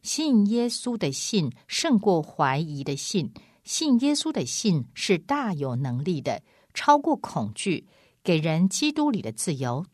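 A woman's voice: lowish voice, very animated, a little slow, darkish tone, dry recording, clean studio sound. A woman preaching an evangelistic sermon in an emphatic, repetitive way, often acting out a back-and-forth with a doubting listener.

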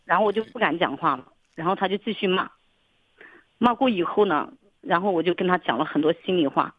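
A woman's voice: lowish voice, brisk, no echo. A woman calling a counseling program, telling a long story in an earnest, rambling way, often repeating herself and restarting sentences. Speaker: caller. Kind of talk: radio call-in counseling. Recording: tinny phone line.

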